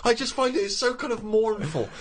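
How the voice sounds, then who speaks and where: Bloke on the radio, laughs a lot, voice bouncing all over, slightly high. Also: male voice, animated, a little fast. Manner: giggly, riffing, puts on silly voices. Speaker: radio co-host. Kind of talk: casual comedy chat.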